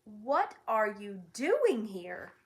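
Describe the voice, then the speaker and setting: Woman voicing a gruff impatient watchdog. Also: mid-range voice, big pitch swings, very slow. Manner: growling, barking, scolding. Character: impatient stern ticking watchdog, large and gruff.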